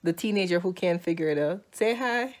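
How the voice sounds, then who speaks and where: With a fairly low, animated voice and a fairly quick pace, this mother in her thirties teases and scolds with dry humor in her Jamaican accent. She's vlogging her family on an arm's-length phone in a house's small room and hallway. A little hiss or hum is audible.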